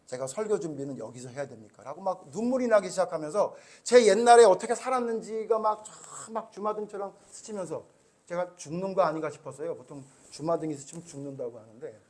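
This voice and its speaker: A middle-aged man, a pastor, preaching a sermon with stories, questions to the congregation, and swings from hushed to loud. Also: high voice. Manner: storytelling, asks the congregation questions.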